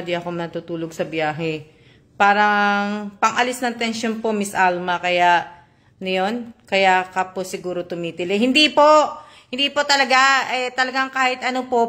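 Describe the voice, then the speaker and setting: A woman's voice: medium pitch, a bit bright. A woman from the Philippines chatting on a live stream, reading viewer comments aloud in a polite, chatty way full of fillers and tag questions.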